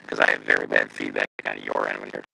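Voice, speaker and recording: Casual male co-host, very deep and gravelly, heard through choppy robotic call static from a distance. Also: monotone, quick pace, bright, forceful tone. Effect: choppy, staticky, robotic-sounding online call audio. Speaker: co-host on a sports talk show. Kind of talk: casual sports chat. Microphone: remote call microphone. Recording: distant, crackly internet call.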